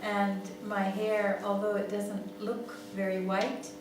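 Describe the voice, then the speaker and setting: In a very echoey, noisy seminar room, recorded far from the mic, a woman with a mid-range voice and flat delivery takes her time speaking. She is in her sixties, from Greece, a native Greek speaker with a Greek accent, leading a family therapy seminar in a hall. Her lecturing is full of "um"s and check-ins of "yeah?".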